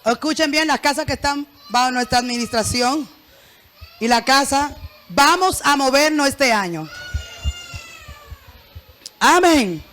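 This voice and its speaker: High, bright-voiced woman preaching. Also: unhurried, long pauses. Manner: lively preaching, has the congregation repeat phrases, joking asides. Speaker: pastor. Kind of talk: sermon. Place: church.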